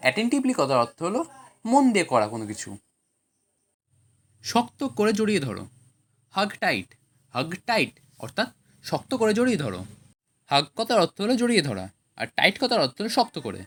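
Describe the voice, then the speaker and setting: A woman with a Bengali accent teaching spoken English, saying each phrase slowly and then giving its meaning in Bengali. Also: mid-range voice. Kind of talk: language lesson, phrase then translation.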